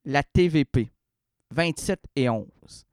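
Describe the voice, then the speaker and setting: A man's voice: fairly high pitch, slow, darkish tone, dry recording, clean studio sound. A man with a Quebec French accent, delivering an indignant, exasperated monologue as a vlogger. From Canada. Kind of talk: ranting monologue to camera.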